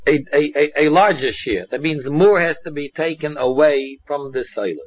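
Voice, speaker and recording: A dull, slightly muffled recording of a man with a Yiddish accent. His voice sits a little high. He teaches a religious text step by step, often stopping and restating a phrase before moving on. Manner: halting, repetitive, restating phrases as he explains. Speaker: Talmud teacher. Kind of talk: religious text lesson, explaining line by line.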